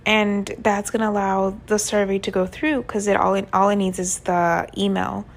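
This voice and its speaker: A woman's voice: medium pitch, little pitch movement, moderate pace, vocal fry. A woman talking to the camera in a chatty, conspiratorial way. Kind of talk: casual talk to camera.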